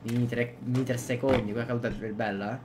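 A man, giving excitable gameplay commentary and often repeating his exclamations. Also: medium pitch, fast. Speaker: gaming youtuber. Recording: loud background noise.

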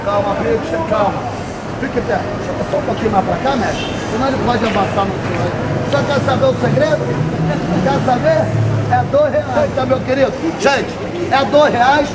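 A Brazilian street performer with a very high voice works a crowd outdoors, joking and giving orders to a little puppet. Loud crowd chatter and street noise surround him. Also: male voice, normal speed. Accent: Brazilian Portuguese. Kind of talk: street show patter to a crowd. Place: busy city street outdoors.

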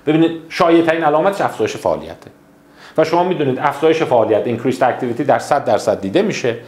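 A man's voice: mid-range voice, lively intonation, darkish tone, roomy sound. A man, a psychiatrist, lecturing in a conversational way and acting out how people react.

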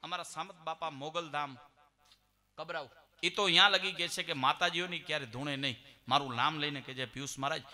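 A Gujarati comedian tells jokes to a live crowd, acting out the other people in his stories as he goes. His voice sits high and rings bright and cutting. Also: a little fast. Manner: storytelling with quoted dialogue, addresses audience directly. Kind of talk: live stand-up joke telling.

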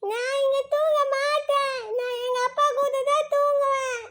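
A woman voicing a stubborn crying little schoolgirl in a puppet-show cartoon, whiny and sing-song, shouting drawn-out threats. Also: extremely high pitch, little pitch movement. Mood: defiant.

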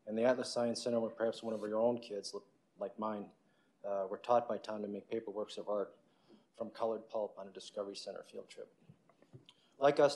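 A man's voice: on the low side, darkish tone, poor audio. A middle-aged man, a city council member, reading a prepared invocation in an earnest way, with small restarts, in a council chamber on a desk mic.

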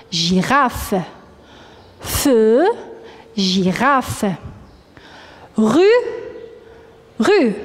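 A woman teacher giving a dictation to young pupils, slowly repeating each word and syllable. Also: extremely high pitch, big-room sound. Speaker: primary school teacher. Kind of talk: classroom dictation lesson.

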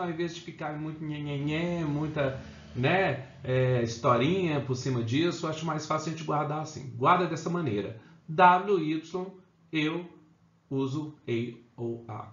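Brazilian male teacher, slightly high voice, chatty, roomy lo-fi recording. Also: fairly bright tone. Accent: Brazilian Portuguese. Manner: chatty, keeps checking in with the class. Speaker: English teacher. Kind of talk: casual online lesson. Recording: roomy, dull lo-fi sound.

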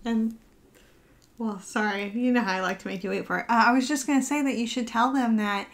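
A woman co-hosts a casual live stream and jokes easily with her partner. Her voice sits a little higher than average. The chat is loose and playful. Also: fairly quick. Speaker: co-host.

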